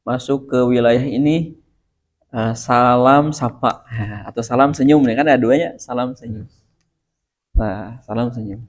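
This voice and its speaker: A middle-aged man with a Sundanese accent giving a sermon, reciting Arabic slowly and chuckling as he explains. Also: medium pitch. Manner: mixes Arabic recitation with Indonesian, chuckles often. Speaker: preacher.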